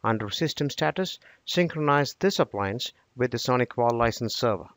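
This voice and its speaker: Dry, steady male tutorial narrator. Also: mid-range voice, normal speed, dry recording. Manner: steady, instructional. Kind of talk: scripted screen-recording tutorial narration.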